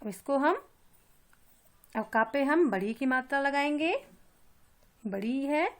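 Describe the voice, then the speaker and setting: A woman's voice: high-pitched, expressive, slow. A woman teaching young children, patiently repeating and drawing out each sound step by step. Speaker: kindergarten teacher. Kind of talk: slow step-by-step Hindi lesson for young children.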